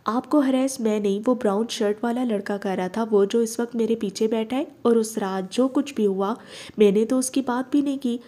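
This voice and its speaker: A woman reading the part of a young police officer, speaking calmly, gently and earnestly. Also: fairly high pitch, normal speed, lightly acted.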